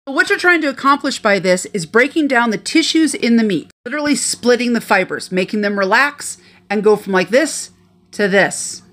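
A woman's voice: fairly high pitch, normal speed. A middle-aged woman from the American Midwest, a retired professional chef chatting through a home cooking video into a phone held close in her kitchen. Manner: chatty, animated, instructive.

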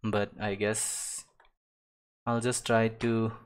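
A digital artist chats casually on a live stream while painting, his low, level voice moving slowly over a little hiss or hum. He rambles and interrupts himself, laughs and swears a lot, and drifts into quiet mumbling as he works.

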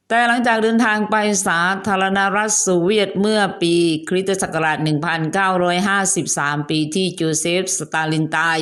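Soft-spoken woman telling history. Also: fairly low pitch. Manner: polite, chatty, adds asides and polite particles. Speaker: host. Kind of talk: storytelling history narration.

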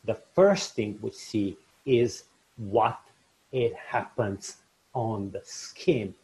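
A man in his forties from Serbia, speaking English with a Serbian accent, gives a webinar lecture to fellow doctors over a video call from a small home office, unhurried and full of filler sounds and restarts. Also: on the low side, lively intonation, dark tone. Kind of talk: online lecture to colleagues. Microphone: video call, webcam.

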